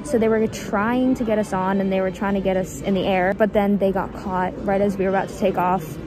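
A woman's voice: mid-range voice, flat delivery, fairly quick, music in the background, rough recording. A young woman chatting casually to her handheld camera as she vlogs, explaining things with lots of "like". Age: young adult. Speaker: vlogger. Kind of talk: casual vlog narration. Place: busy airport terminal. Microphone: handheld camera at arm's length.

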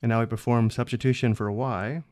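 A man explaining a math problem step by step in a screencast lesson, steady and methodical. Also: medium pitch, a little fast, no room sound, clean studio sound. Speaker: math instructor.

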